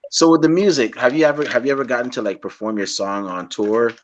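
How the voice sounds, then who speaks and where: A young man from Guyana interviewing a guest in a relaxed, rambling way, often restarting his sentences. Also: mid-range voice, lo-fi sound, slight background noise. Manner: rambling, halting with many restarts. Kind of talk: casual interview chat.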